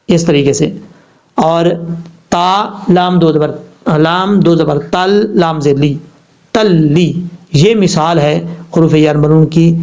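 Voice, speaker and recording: A man with a Pakistani Urdu accent teaching Quran recitation, explaining rules step by step and reciting example words slowly and drawn out. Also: on the high side, a little mellow. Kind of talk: tajweed lesson. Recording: dull lo-fi sound.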